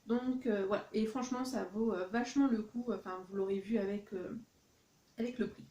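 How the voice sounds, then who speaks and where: A woman's voice: mid-range voice, fairly even intonation, normal speed, warm tone. Chatty woman in an echoey room. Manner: chatty, hesitant with many fillers. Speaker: vlogger showing a shopping haul. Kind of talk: casual haul vlog. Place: home office.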